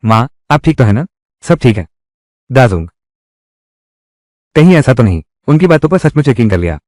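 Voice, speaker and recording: Animated male drama dub voice. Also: mid-range voice, moderate pace, no echo, clean studio sound. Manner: heated, quarrelsome dialogue delivery. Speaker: dubbing voice for all roles. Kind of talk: dramatic Hindi drama dubbing.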